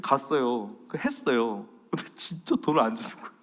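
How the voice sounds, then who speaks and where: A man in his thirties preaching a faith lecture as a pastor, animated, swinging between loud and soft. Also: medium pitch, fairly quick, in a large hall. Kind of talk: sermon-style faith lecture.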